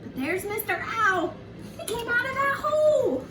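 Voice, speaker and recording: An early childhood educator who tells stories reads to young children from a picture book, her extremely high voice very animated at a moderate pace. She uses a sing-song delivery and chats directly with the kids. The sound is roomy and distant, with faint background noise.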